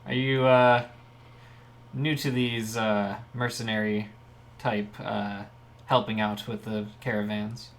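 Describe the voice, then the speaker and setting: A man's voice: fairly low pitch, level tone, slow pace. A man voicing a seasoned male mercenary guard who talks in a plain, matter-of-fact way during a tabletop role-play. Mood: calm.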